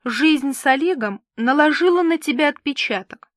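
A woman's voice: high-pitched, animated, normal speed, a bit bright, no room sound, studio quality, pitched above the performer's own voice. Woman doing a whiny, theatrical girlfriend. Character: excitable scatterbrained woman friend.

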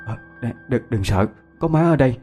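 Anxious country mom, man putting it on, stammery and soothing, lively pitch, faint music. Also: fairly quick, natural voice. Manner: stammering, comforting. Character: worried, soothing rural mother.

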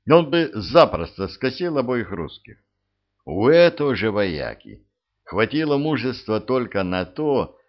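A man reading a war story aloud as an audiobook narrator, dramatic and expressive. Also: on the low side, lo-fi sound.

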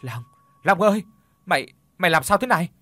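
A man voicing a frightened young village woman who calls out in a shrill, panicked way. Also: expressive, moderate pace, pushed and bright. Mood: terrified.

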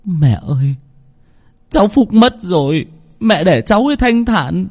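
A man's voice: sits high, big pitch swings, measured pace, voice pushed up, full character voice. A man voicing a young mother tearfully pleading with her mother-in-law.

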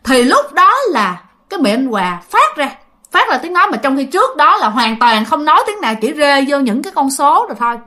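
A woman tells a ghost story in a casual, animated way. She repeats words for effect and addresses her listeners directly. Her voice is high, very lively and bright. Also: a little fast.

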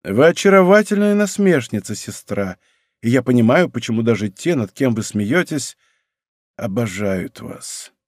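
A man's voice: medium pitch, very animated, normal speed, a little mellow, dry recording, clean studio sound. A man voicing an earnest young king in an audiobook, soothing and coaxing. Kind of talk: audiobook character reading.

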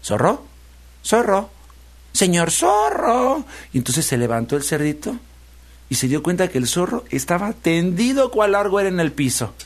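A man, a radio host telling a children's story in a lively, repetitive rhythm. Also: a little high, fairly quick. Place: radio studio.

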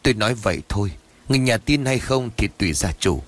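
A man's voice: on the low side, animated. A man doing a grave old monk. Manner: stern, measured warnings.

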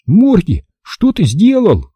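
A man voicing an excitable young boy who shouts in alarm, in an audiobook reading. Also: high voice, takes it slowly, husky, dry recording, voice pushed up, full character voice. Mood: scolding.

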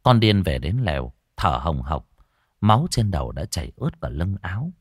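A man narrating a sad story in an expressive, slow, dramatic way. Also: sits low, breathy edge, dry recording, clean studio sound.

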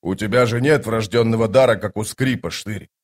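A man voicing a gruff, suspicious male sapper who growls and grumbles. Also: lowish voice, fairly quick, lightly acted. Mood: doubtful.

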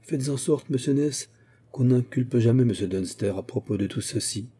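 A man's voice: medium pitch, normal speed, dark tone, slightly rough, close to an everyday voice. A man voicing a grieving young orphan woman who speaks faintly but with solemn defiance. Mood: defiant.

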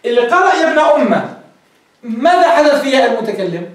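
A man's voice: very high voice, big pitch swings, fast talker. A man teaching grammar in a classroom lecture, explaining step by step and quizzing his students. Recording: echoey room, voice from far off.

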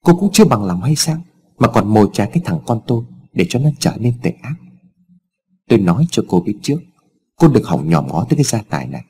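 A man's voice: fairly low pitch, sing-song, fast, dark tone, husky. A man voicing a stern, scheming wealthy father who talks in curt, scornful commands, in a storybook reading. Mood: harsh.

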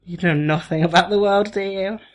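A woman chatting as a podcast co-host. Her voice sits slightly low, and she laughs easily. She teases her friend while explaining things. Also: steady tone, brisk. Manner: laughs often, teasing, explains at length. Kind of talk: casual chat.

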